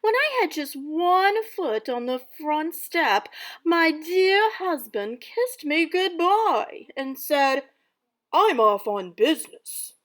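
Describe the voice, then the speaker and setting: A woman playing a loud, theatrical wicked stepmother. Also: high-pitched, big pitch swings, takes it slowly, voice pushed up, heavily acted. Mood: exasperated. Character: dramatic haughty wicked stepmother, middle-aged woman.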